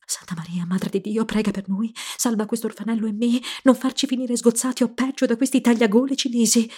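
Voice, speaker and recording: A woman's voice: a little high, lively intonation, brisk. A woman voicing an anxious, melodramatic old nanny who prays and pleads fervently. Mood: fearful prayer. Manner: fervent, fearful, pleading then defiant.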